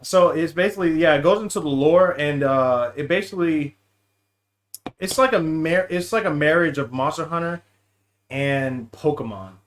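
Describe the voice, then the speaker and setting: On a casual gaming podcast, a male guest talks about games in loose, slang-heavy bro speak, addressing the other speaker as bro and dude. His voice sits on the high side and his pace is moderate.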